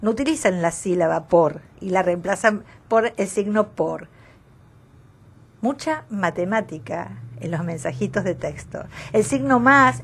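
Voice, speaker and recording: A middle-aged woman, hosting a radio program and giving a scripted, didactic reflection on language that turns poetic at times. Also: fairly low pitch. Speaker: radio host.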